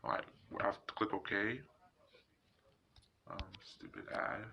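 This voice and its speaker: A man hosts a casual screen tutorial, talking informally and hesitantly through each step in a slow, fairly low voice with vocal fry and wildly swooping pitch. The muffled lo-fi mic picks up loud noise and clicks.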